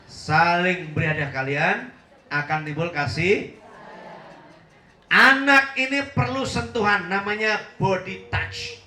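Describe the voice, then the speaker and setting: A man's voice: high voice, takes it slowly, long pauses, pushed and bright. A middle-aged man preaching a humorous sermon to a live congregation, teasing the audience and laughing often. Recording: echoey room with faint hum.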